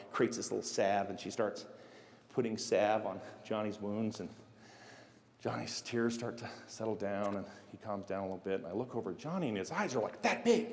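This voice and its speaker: A man's voice: lowish voice, a little mellow. A middle-aged man from Las Vegas giving a motivational speech as a keynote speaker, acting out scenes with sound effects as he tells stories. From United States (Las Vegas). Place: large hall. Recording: echoey hall with long reverb.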